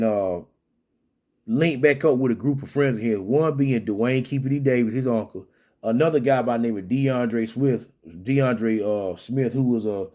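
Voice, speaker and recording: A man's voice: medium pitch, darkish tone. A man talking through a story in casual solo commentary, rambling with many restarts and fillers.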